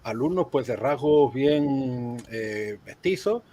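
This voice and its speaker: A man's voice: medium pitch, expressive, slow pace, dark tone. A man from Spain giving opinionated explanations in a conversational panel discussion. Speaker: panelist, teacher.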